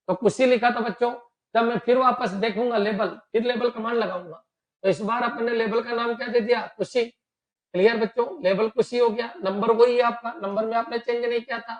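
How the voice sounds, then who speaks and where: High-voiced Rajasthani man teaching a class. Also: fairly bright tone. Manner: explains step by step and keeps asking the students "clear?". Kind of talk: classroom lecture.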